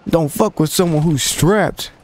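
A young man swearing, trash-talking and shouting at characters while commentating his gameplay. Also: a little high, measured pace, slight background noise. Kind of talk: profane running commentary over gameplay.

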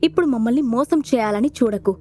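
A woman's voice: a little high, fast, mellow, close to an everyday voice. A woman voicing an anxious, distrustful man who accuses others, in an audio storybook. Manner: flustered, accusing.

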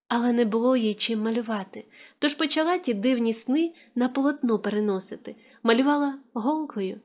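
A woman reading a children's story aloud in a gentle, expressive storytelling manner. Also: on the high side, lo-fi sound. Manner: gentle, expressive storytelling, slowing and softening for tender moments. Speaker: narrator.

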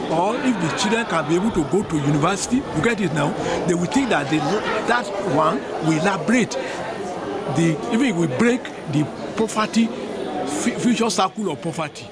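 An older man in his sixties with a high-pitched voice talks earnestly outdoors by a school. He often restarts and repeats phrases as he gives his views. Loud crowd chatter fills the background of the recording. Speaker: educationist interviewed in a vox pop. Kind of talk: earnest street interview opinion. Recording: crowd noise loud behind.

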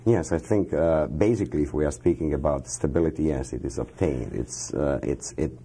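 Deep gravelly man with Croatian accent. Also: warm tone. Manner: measured, halting, with many pauses and "uh" fillers. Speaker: interview guest. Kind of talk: television interview.

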